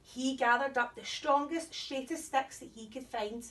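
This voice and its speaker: Female storyteller for young children: very high voice, sing-song and animated, recorded away from the mic. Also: measured pace, distant mic. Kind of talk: children's story read aloud.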